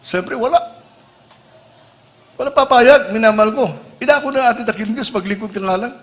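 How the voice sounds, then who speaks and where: A man preaching with a high, bright voice sitting well above most men's. He calls his congregation "beloved" again and again and drops English phrases into the sermon. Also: brisk. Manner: calls the listeners "minamahal ko" (beloved) over and over.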